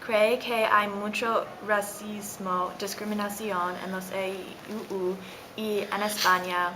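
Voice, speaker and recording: Slow, hesitant woman interviewer. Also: mid-range voice, flat delivery. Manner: hesitant, searching for words. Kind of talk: interview questions. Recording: background noise.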